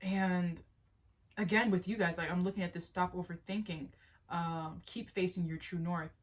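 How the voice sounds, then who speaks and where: A woman's voice: on the low side, steady tone, moderate pace. A young woman with a stuffy nose giving a casual, earnest tarot reading, rambling with restarts and little laughs. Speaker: spiritual tarot reader. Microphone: solo video to camera.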